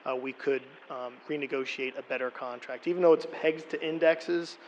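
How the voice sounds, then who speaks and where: A middle-aged man speaks at a podium microphone in a council meeting room, walking the council through figures in a plain explanatory way. His delivery is fairly flat in pitch, with frequent ums and restarts. Faint room ambience sits behind him. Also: normal speed, dull audio, a little hiss or hum. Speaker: borough official presenting to council. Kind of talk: public meeting presentation.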